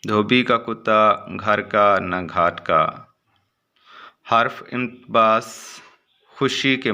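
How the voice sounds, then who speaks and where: A man reading short exam answers aloud as a teacher, in a steady recitation with brief asides. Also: fairly low pitch, smooth.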